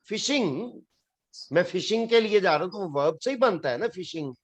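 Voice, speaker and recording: A man's voice: sits high, lively intonation, moderate pace, husky. A man teaching an English spelling lesson in a classroom, explaining patiently and repeating each word. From Pakistan. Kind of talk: classroom lecture.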